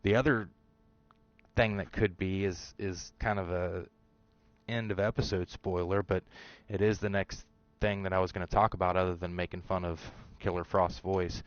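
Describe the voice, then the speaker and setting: A man's voice: low-pitched, steady tone, normal speed, no echo, highs cut off. A man hosting a show, casually talking through his theories about a TV episode, rambling with fillers and restarts. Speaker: show host.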